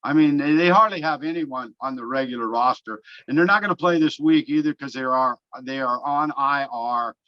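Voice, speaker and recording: A man's voice: medium pitch, moderate pace, few pauses. A man hosting a sports betting talk show in a conversational style, on dull, lo-fi audio.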